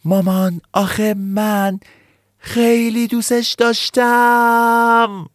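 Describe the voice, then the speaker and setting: A wailing little child. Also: male voice, flat delivery, no room sound, studio quality. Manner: very high, wailing. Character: small heartbroken child crying out.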